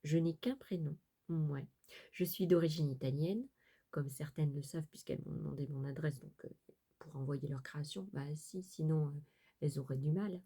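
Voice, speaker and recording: A middle-aged woman from France talks to her craft channel's viewers in a low, mellow voice. She rambles casually, circling back with fillers and restarts. Her tone stays soft and unhurried, never sharp. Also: breathy edge. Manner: hesitant, many fillers and restarts, chatty asides. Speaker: sewing and crafts vlogger.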